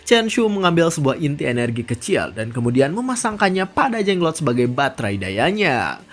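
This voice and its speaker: Manhwa recap narrator, scripted read, lively up-and-down voice. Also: brisk. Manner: steady storytelling read with lively pitch.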